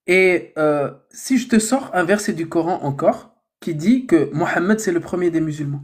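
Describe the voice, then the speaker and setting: A man hosting a heated live debate, arguing in a deliberate way and slowing down to quote scripture. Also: on the high side, expressive. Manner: argumentative, slow and deliberate when quoting scripture.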